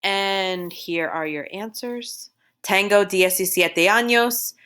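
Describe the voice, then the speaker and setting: A woman's voice: medium pitch, slow pace, fairly bright tone, smooth. A woman teaching Spanish over a recorded slideshow, steadily drilling verb forms one by one.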